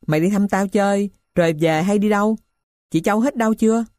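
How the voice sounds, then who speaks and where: In studio-quality audio with no room sound, a woman voices a scrappy stepchild boy who talks bluntly and eagerly. Her mid-range, darkish voice moves briskly, pitched above her own but close to an everyday voice.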